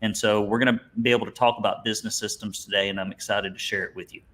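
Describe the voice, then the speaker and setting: Fast and a bit bright, his low-ish voice keeps fairly even intonation as this Alabama business coach presents a webinar. He speaks with an Alabama Southern accent, chatting folksily, cracking jokes and using colorful phrasing.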